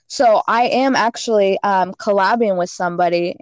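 A woman's voice: medium pitch, moderate pace, no echo. A woman guest on a casual podcast, giving frank fitness and diet advice with lots of "like" and "you know.".

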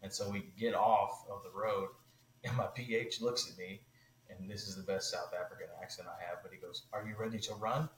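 A man, a podcast guest, telling a long story in a casual, animated way, with many fillers. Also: low-pitched, a little fast, echoey room, slight background noise, poor audio.

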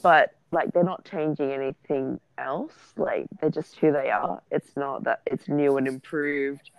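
A woman's voice: deep voice, fairly even intonation, unhurried, gravelly, highs cut off. An Australian-accented woman chatting casually as a podcast co-host, blunt and sweary with Aussie slang.

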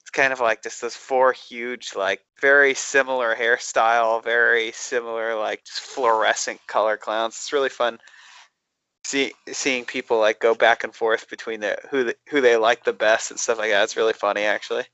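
A man's voice: medium pitch, level tone, moderate pace, pushed and bright, smooth, no echo, muffled recording. A man chatting casually on a podcast in an upbeat, rambling way. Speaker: podcast co-host.

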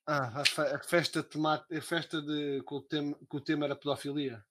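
A man's voice: fairly high pitch, flat delivery, a little fast, fairly bright tone. A young man with a European Portuguese accent chatting casually as a live stream co-host, slangy and full of swearing.

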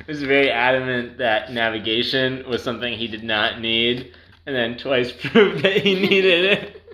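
A man's voice: medium pitch, normal speed, sharp tone. A young man hosting a casual podcast chat. He laughs often and talks in a playful, rambling way. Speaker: podcast host. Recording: echoey room with background noise.

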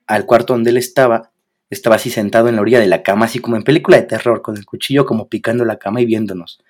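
A young man with a Mexican accent, co-hosting a podcast and casually telling a story with lots of slang and acted-out quotes. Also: mid-range voice. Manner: animated, slangy, acts out quoted voices. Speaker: podcast co-host.

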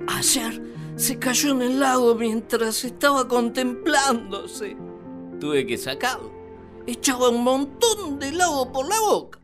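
A woman's voice: high voice, very animated, slow, music in the background, full character voice. Adam, a grumbling first man. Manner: dry, grumbling complaints. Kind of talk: radio drama acting.

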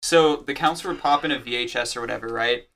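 Male podcast co-host, bright tense tone, playful and teasing. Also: mid-range voice, fast, creaky. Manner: teasing, laughs often. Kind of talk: casual podcast chat.

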